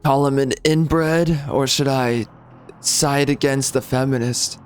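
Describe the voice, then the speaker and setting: A man streaming a video game with casual, slangy commentary and halting asides. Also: mid-range voice, fairly even intonation, clear, resonant tone, faint music behind.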